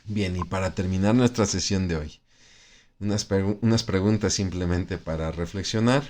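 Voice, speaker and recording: A man's voice: deep voice, moderate pace, a little mellow. A man teaching a Bible study lesson in a conversational way, with frequent tag questions and restarts. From Mexico.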